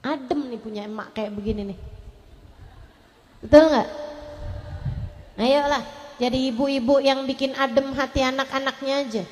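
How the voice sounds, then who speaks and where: A woman preacher, giving an emotive sermon that moves between loud pleading and soft tender passages. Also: sits high, steady tone, normal speed, pauses often, in a large hall, slight background noise. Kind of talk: religious sermon.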